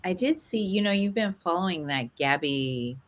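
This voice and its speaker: A woman's voice: on the low side, expressive, moderate pace, a little hiss or hum. A middle-aged woman co-hosting a show, chatting casually and greeting listeners by name. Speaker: radio co-host. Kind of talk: casual chat.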